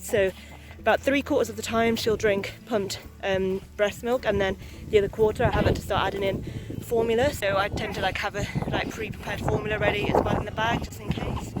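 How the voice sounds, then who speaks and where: On a low-quality recording, a young adult woman with a mid-range voice rambles candidly for a casual vlog. She's a new mother and vlogger, chatting while out on a walk outdoors.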